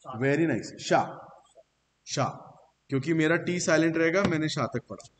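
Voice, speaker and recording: In a classroom, a man teaches French pronunciation with slides, explaining the rules step by step and praising his students. His voice is fairly high and his pace normal. The recording has long reverb and a faint hiss.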